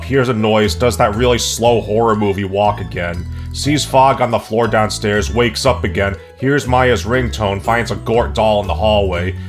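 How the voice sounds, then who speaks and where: A man narrating a comedic movie review in a sarcastic, profane, deadpan way. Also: lowish voice. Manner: snarky, profane, deadpan jokes.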